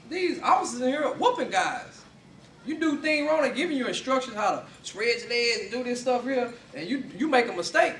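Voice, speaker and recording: A young man giving a lively personal story speech to a class, often laughing as he tells it. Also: very high-pitched, recorded from a distance, a little hiss or hum. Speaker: student speaker. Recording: echoey room, mic from afar.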